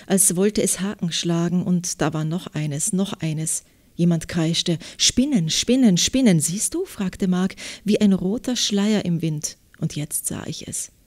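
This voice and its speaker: A woman author with an Austrian German accent, answering interview questions and reading from her novel in a measured, thoughtful way. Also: fairly low pitch, warm tone. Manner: measured, thoughtful, reflective pauses.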